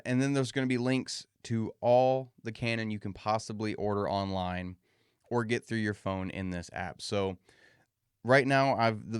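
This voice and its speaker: A man with a fairly deep, resonant voice hosts a podcast on his own. He talks casually and folksily straight to his listeners, with a slightly muffled edge from a swollen mouth. The recording is dry and close. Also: clear, resonant tone, dry recording. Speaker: podcast host.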